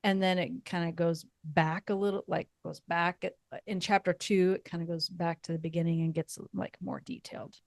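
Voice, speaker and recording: A woman co-hosting a faith podcast, talking in a thoughtful, meandering way with fillers and soft laughs. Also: fairly low pitch, little pitch movement, normal speed, few pauses, no echo, clean studio sound. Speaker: podcast co-host. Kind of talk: casual faith podcast chat.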